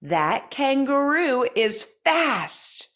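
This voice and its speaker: A woman leading an articulation drill as a speech teacher, over-enunciating practice sentences in a careful, deliberate, encouraging manner. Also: high-pitched, big pitch swings, fairly bright tone.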